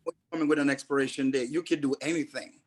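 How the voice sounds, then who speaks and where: In an interview, a guest from Jamaica shares his story, sounding earnest and measured while leaning on frequent fillers. He has a mid-range voice and a steady tone.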